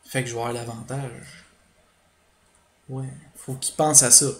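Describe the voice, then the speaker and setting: A man's voice: mid-range voice, steady tone, measured pace, reverberant. A man with a Quebec French accent doing let's play commentary, thinking aloud with hesitations and explaining his strategy to viewers. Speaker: gaming channel host.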